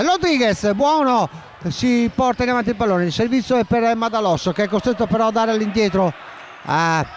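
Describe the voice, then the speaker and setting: A male sports commentator with a high voice calls a futsal match live. He rattles off player names and raises his voice to a shout when the action heats up. A faint hum of noise sits behind him. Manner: excitable, shouts at key moments, names players rapidly. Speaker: play-by-play commentator.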